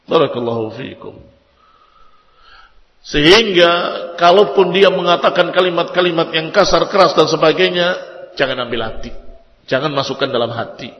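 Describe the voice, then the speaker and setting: A man preaching a sermon to married women, lively and emphatic, sometimes chanting Arabic passages in a sung tone. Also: fairly high pitch, normal speed, long pauses, lo-fi sound. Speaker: Islamic preacher. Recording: echoey hall reverb.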